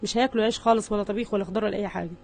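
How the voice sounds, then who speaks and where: A woman's voice: medium pitch, fairly even intonation, rapid-fire, gravelly, darkish tone. A middle-aged Egyptian woman with an Egyptian Arabic accent, speaking in an earnest, weary and pleading way in a news interview. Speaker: mother interviewed about her sick children.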